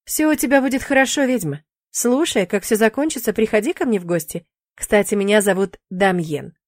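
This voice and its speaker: A woman's voice: medium pitch, brisk, no echo, clean studio sound, lightly acted. Cheeky young demon man, as a woman reads him. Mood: teasing. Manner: cheeky, bantering. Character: playful teasing young male demon.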